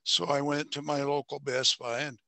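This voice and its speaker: Raspy, creaky older man. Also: on the high side, flat delivery, moderate pace, sharp tone, dry recording. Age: 70s or older. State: congested sinuses. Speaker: watch club member presenting a watch. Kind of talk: informal show-and-tell. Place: home room on a video call. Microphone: headset.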